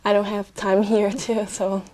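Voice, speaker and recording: A young woman from Brazil, an exam candidate speaking hesitantly with many fillers and pauses. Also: medium pitch, little pitch movement, darkish tone. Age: young adult.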